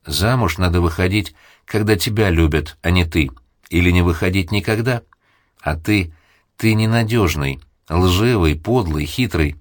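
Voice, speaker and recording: A man's voice: sits low, measured pace, no room sound, clean studio sound. A man voicing a proud, defiant young woman who talks coldly. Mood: contemptuous. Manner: cold, defiant.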